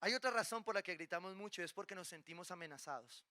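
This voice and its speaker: A male pastor preaching a sermon in a lively way, often checking in with the congregation through quick rhetorical questions and playful asides. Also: high voice, no room sound, clean studio sound. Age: adult, married with children.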